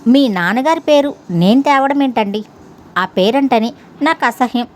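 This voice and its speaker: A woman's voice: on the high side, expressive, normal speed, close to an everyday voice. A woman doing a sly, teasing man. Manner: sly, mocking. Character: mischievous grown man teasing his neighbor.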